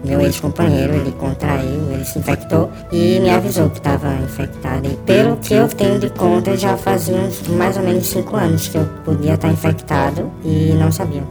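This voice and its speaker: A young man in his twenties speaks through an electronic voice changer that masks his identity. He tells his story quietly and hesitantly, with a loud music bed under him. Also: on the high side, normal speed, hardly any pauses. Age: 20s. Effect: electronic voice distortion hiding identity. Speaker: anonymous interviewee. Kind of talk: personal testimony in a news report.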